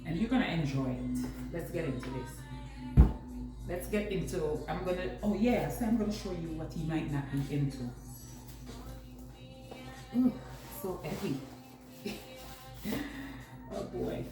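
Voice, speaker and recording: A woman's voice: fairly low pitch, lively intonation, moderate pace, pauses often, over loud music. A woman chatting casually to viewers as she vlogs a home decor haul, rambling and talking to herself while busy. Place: echoey room at home, indoors. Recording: very echoey room, distant mic, noisy.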